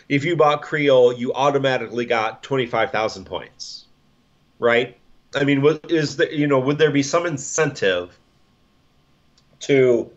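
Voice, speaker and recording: On a laid-back gaming podcast, this co-host's mid-range voice wanders through rambling thoughts, often restarting and chuckling along the way. The recording is muffled.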